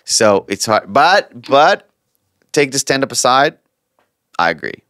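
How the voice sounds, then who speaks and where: A young man, co-hosting a casual podcast chat, animated and repeating words as he talks. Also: medium pitch, takes it slowly, no echo, clean studio sound. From Israel. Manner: animated, does playful voices, stumbles and repeats words. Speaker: podcast co-host.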